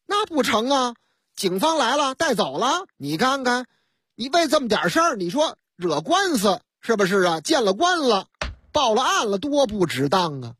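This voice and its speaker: A woman's voice: a little high, sing-song, moderate pace, a bit bright. A woman radio host with a Beijing accent who tells news stories in a chatty, comic way, full of fillers and asides. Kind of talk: radio storytelling in a comic style.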